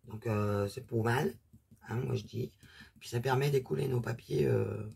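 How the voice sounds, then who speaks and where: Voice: medium pitch, measured pace, creaky, darkish tone, husky. A presenter chatting casually through a hands-on craft demonstration, rambling with many fillers and asides, trailing off while working. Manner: talks while working, trails off mid-sentence.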